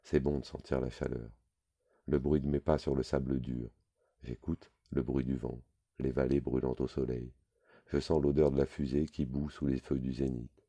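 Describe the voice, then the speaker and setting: A man reading a literary story aloud in a measured, low, intimate way. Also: level tone, creaky, mellow, husky. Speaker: reader.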